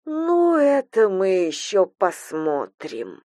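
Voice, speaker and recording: A woman's voice: medium pitch, animated, dry recording, lightly acted. A woman voicing a venomous, hissing older mother-in-law. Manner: slow, cold, hissing and contemptuous.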